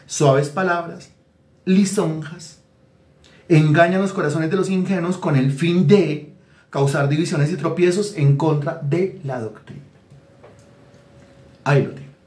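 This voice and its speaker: A man preaching a sermon as pastor, animated and mimicking people to make his point. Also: on the high side, echoey room.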